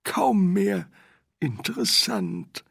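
A man's voice: high-pitched, huge pitch swings, extremely slow, creaky, fairly bright tone, no echo, studio quality, pitched above the performer's own voice, full character voice. A man voicing a nervous, curious old male wizard who asks eager questions.

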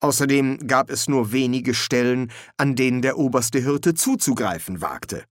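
A man reading a comic fantasy novel aloud in measured, dry storytelling. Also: mid-range voice, dry recording. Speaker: audiobook narrator. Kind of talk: scripted narration.

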